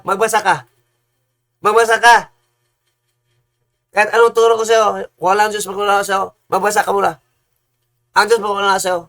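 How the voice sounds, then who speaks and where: A man preaching in a heated, combative rant, repeating himself and bursting into loud insults. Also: high voice.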